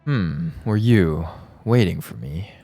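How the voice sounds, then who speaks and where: A man's voice: low-pitched, slow pace, faint music behind, full character voice. Dainsleif, a man reading as a weary stern swordsman. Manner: tired, flat, formal. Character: aloof, weary male swordsman, stern and formal. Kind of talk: reading game dialogue aloud.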